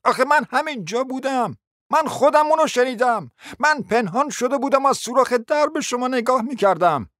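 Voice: sits high, expressive, fairly bright tone, no room sound, pitched above the performer's own voice. A reader voicing an earnest young suitor pleading urgently, in a dry close recording. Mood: insistent.

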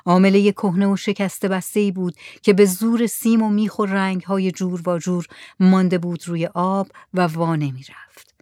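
A woman reading a literary short story aloud in a soft voice that often drops near a whisper. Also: mid-range voice, little pitch movement, no echo, clean studio sound. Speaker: narrator.

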